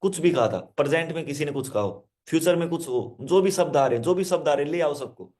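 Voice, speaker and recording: Male hypnotherapist, somewhat high voice, instructive self-help lesson, repeats each point and speaks straight to the listener. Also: lively intonation, fast, a little mellow. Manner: repetitive, instructive, addresses listener directly; explains with simple word examples.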